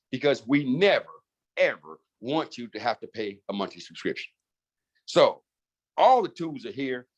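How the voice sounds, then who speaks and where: A man leading a marketing team, talking in a fired-up, animated, straight-talking way in a casual chat on a video call. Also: medium pitch, highs cut off. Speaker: network marketing team leader.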